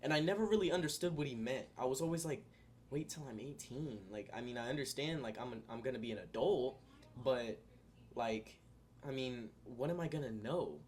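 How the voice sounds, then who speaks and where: A man's voice: mid-range voice, lively intonation, a little fast, darkish tone. A young man talking straight to his viewers in a casual vlog, rambling through his thoughts with lots of fillers and restarts. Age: young adult. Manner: earnest, spiritual musings addressed to viewers. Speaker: vlogger.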